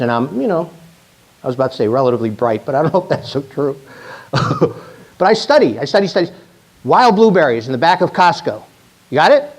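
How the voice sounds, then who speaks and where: This man in his sixties, a chiropractor, has a slightly mellow voice on the higher side. Addressing a live audience, he's chatty and self-deprecating, often starting his sentences over.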